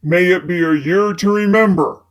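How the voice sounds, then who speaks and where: A woman voicing a suave, protective man from the 1950s, speaking low, calm and coaxing. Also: slow pace, full character voice.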